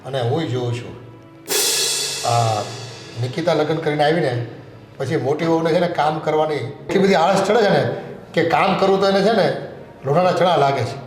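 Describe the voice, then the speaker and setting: A man's voice: on the high side, moderate pace, pauses often, soft background music, natural voice. An older man playing a grumbling father-in-law who speaks in folk proverbs. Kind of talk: family drama acting. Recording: echoey room.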